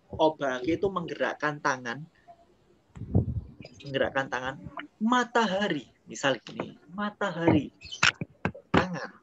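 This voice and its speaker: A male primary school teacher, recording a remote lesson, reading text and then explaining it in Indonesian. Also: a little high. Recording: muffled, noisy home recording.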